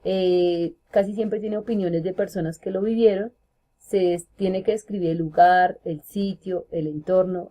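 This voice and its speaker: Patient woman teacher, dark mellow voice. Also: mid-range voice. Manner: patient, explanatory. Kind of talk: classroom explanation.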